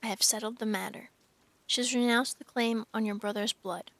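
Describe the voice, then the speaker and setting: Solemn storybook lion king, stern and steady, a woman voicing him. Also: a little high, moderate pace, no echo. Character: grave, stern great male lion king. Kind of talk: reading aloud a storybook.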